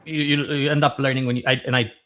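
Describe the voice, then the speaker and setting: A man in his thirties from Romania, a guest on a podcast interview, talking in a relaxed, thoughtful way with frequent fillers. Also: mid-range voice, fast talker. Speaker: guest, startup founder.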